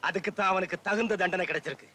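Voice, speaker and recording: A man's voice: high voice, rapid-fire, bright, forceful tone, a little hiss or hum. A smug, mocking rich man. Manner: smug, dismissive. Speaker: film character. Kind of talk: 1970s Tamil film acting.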